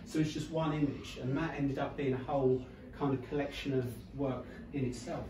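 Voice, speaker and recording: A man's voice: mid-range voice, fairly even intonation, a little fast, noisy background. A man talking loosely about his photos at an exhibition, with fillers. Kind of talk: informal gallery talk. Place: small gallery room with photos on the walls. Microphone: far camera. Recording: echoey room, distant mic, people around.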